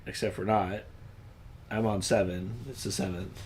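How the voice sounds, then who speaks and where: A man's voice: lowish voice, steady tone, moderate pace, darkish tone, slight background noise. A young man co-hosting a late-night livestream, chatting casually with many fillers and restarts. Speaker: livestream co-host. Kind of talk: casual chat.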